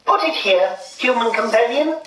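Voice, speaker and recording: A woman's voice: a little high, animated, normal speed, fairly bright tone, distant mic, slight background noise. A woman's processed voice for a playful toy robot, upbeat and slangy, announcing its own actions through a small speaker. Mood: chirpy. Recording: echoey room, speaker heard from afar.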